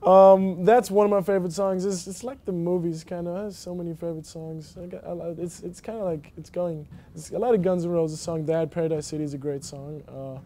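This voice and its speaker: The speaker is a young college basketballer from Germany, answering questions in a laid-back, faltering way packed with fillers and false starts. He has a mellow, somewhat high male voice. The casual interview takes place in an empty indoor arena.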